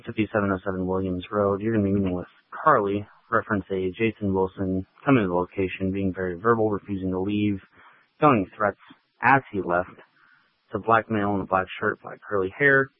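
A man's lowish voice comes through a police radio as he dispatches calls, clipped and businesslike. The sound is tinny and narrow, like a two-way radio, and completely dry. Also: fairly even intonation, brisk, no room sound. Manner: clipped, businesslike readout of call details. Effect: police radio transmission.

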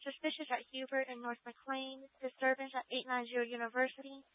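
A woman dispatcher reading out calls and addresses flatly over a police radio. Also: sits high, no echo. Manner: flat, rapid list of calls and addresses. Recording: tinny narrow-band police radio.

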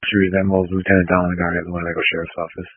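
Brisk man dispatching over police radio. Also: low-pitched, monotone, husky, no room sound, narrow, tinny audio. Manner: clipped radio procedure codes. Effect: police radio transmission.

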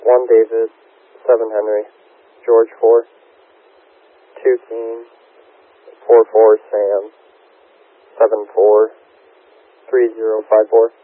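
A man's voice: lowish voice, completely flat delivery, slow, long pauses, no room sound. A man working as a police dispatcher over a police radio, reading codes in clipped phonetic letters. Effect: police radio transmission. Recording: tinny, dry radio channel.

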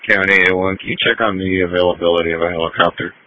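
Man on two-way radio, very low flat voice, bright edge, dull lo-fi radio sound, clipped calls. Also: very fast, dry recording. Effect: two-way radio transmission. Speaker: field unit calling dispatch. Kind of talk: radio dispatch traffic. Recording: lo-fi, dry radio channel.

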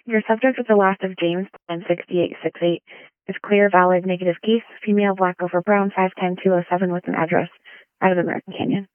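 Brisk dispatcher over police radio. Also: medium pitch, steady tone, no room sound. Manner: brisk, clipped radio codes. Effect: police radio transmission. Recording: tinny, dry radio band.

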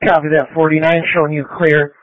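A man's voice: on the high side, flat delivery, a little fast, dry recording. A man working as a dispatcher, giving clipped, procedural calls over a police radio transmission with brief fillers. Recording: narrow tinny radio channel, dry.

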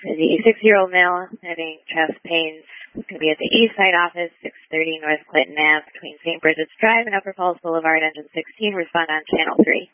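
A man's voice: on the high side, fairly quick, no room sound. A man working as an emergency dispatcher, reading procedural police radio style announcements over a two-way radio. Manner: procedural, repeats each message. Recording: thin narrowband dispatch radio.

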